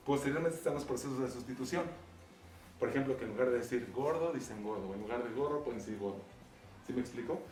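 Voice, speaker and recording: A man teaches a university class at a mid-range pitch, pausing often to check that his students are following. He sounds set back from the microphone, and the room rings around him. A faint background noise runs under his voice. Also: darkish tone. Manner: checks understanding with frequent rhetorical questions. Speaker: university lecturer. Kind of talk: classroom lecture. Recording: roomy, distant mic, faint background noise.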